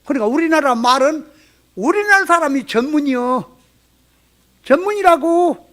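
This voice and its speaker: Korean pastor w/ jeolla accent, really high voice, bouncy, keeps quizzing the congregation. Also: male voice, moderate pace. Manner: asks the congregation rhetorical questions, folksy and lively. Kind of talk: sermon. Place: church sanctuary.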